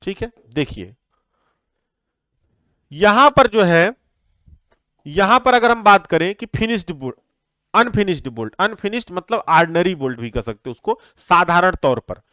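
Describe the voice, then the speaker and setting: Young male lecturer, high clear voice, dry close sound, drills terms by repetition. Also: expressive, normal speed, long pauses, sharp tone, no room sound. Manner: repeats key terms, asks and answers his own questions. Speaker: civil engineering teacher. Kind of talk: classroom lecture.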